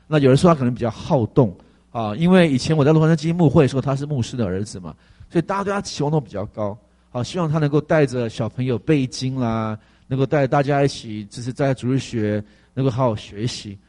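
A male pastor giving a conversational testimony sermon, animated and full of fillers. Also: on the high side.

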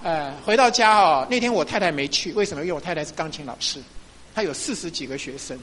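A man's voice: on the high side, expressive, quick pace, a bit bright. Middle-aged male pastor, chatty sermon testimony, lots of laughing and fillers, faint background noise.

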